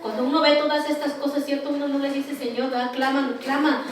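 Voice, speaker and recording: A woman pastor preaching a sermon earnestly, with frequent pauses and fillers, recorded from far off in a very echoey hall. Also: sits high, level tone, a little hiss or hum.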